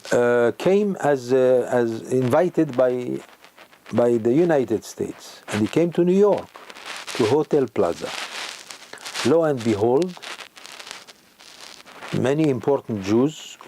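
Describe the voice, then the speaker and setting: An older man, a rabbi preaching a sermon with emphatic rhetorical questions and sudden rises in pitch. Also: expressive, takes it slowly, pauses often, dark tone, slight background noise, low-quality recording. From Morocco.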